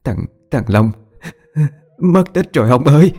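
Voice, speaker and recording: A man's voice: on the low side, animated, a little fast, darkish tone. A man voicing a frantic middle-aged wealthy wife who talks in a panicked, tearful rush.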